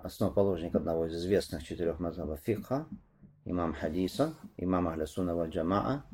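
A man giving a religious lesson, reading Arabic phrases and explaining them in Russian, who rises and grows louder when retelling a narration. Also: sits low, slightly rough. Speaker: Islamic religious teacher. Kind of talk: religious lesson commenting on hadith and tafsir.

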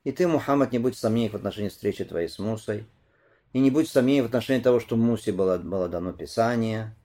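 A man giving a religious lesson, reading Arabic phrases and explaining them in Russian, who rises and grows louder when retelling a narration. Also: lowish voice, quick pace. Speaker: Islamic religious teacher. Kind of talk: religious lesson commenting on hadith and tafsir.

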